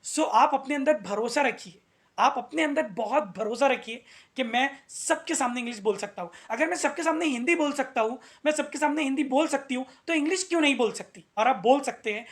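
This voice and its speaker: A man's voice: extremely high pitch, fairly bright tone. A male English teacher giving a motivational video lesson, earnest, repeating his key points and asking rhetorical questions.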